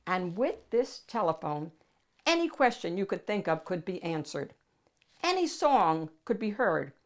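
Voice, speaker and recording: This storytime host, a woman with a lowish voice, reads a picture book to children, her pitch rising and falling dramatically. She pauses for effect and draws out the important words.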